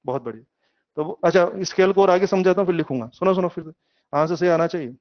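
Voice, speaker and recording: Animated male teacher, quizzing his class. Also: sits high, fast talker, lo-fi sound. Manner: lively, asks students questions, uses homely examples. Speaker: physics teacher. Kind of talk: classroom lecture.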